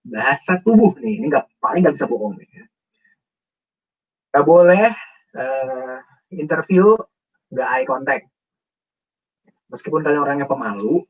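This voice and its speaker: Man, husky, slightly high voice, off-mic, dull lo-fi sound, guest speaker giving tips. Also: moderate pace, pauses often, far from the mic. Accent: Indonesian. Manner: animated, acts out example phrasings. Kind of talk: explaining interview tips in a webinar.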